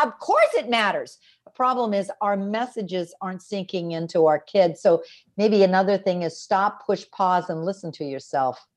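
A middle-aged woman speaking as an expert guest in an interview, telling stories animatedly and acting out what kids told her. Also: medium pitch. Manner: animated storyteller, acts out quoted kids. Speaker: guest expert, educational psychologist. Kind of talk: conversational interview.

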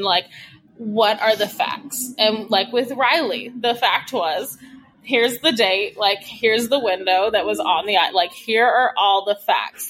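A woman's voice: mid-range voice, a bit bright. A woman co-hosting a casual, unscripted podcast, giving advice in a blunt, emphatic, slangy way.

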